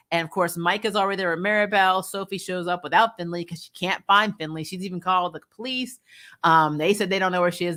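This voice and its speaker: Talking frankly to her audience, this video host reviews a TV episode in a relaxed, opinionated way. Her fairly low voice turns animated and a bit sweary as she recounts what happened.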